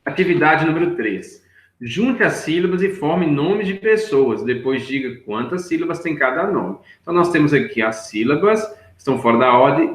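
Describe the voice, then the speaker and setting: A male teacher with a slightly high, fairly bright voice patiently goes through worksheet answers with young children step by step. He checks in with them often, using "right?" and "look here", and the room is echoey.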